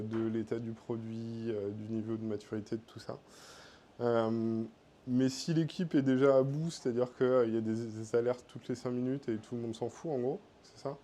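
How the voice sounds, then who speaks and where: French man giving a meetup tech talk, mellow, relaxed delivery, slight room noise. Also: medium pitch. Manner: casual, many fillers. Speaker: conference speaker.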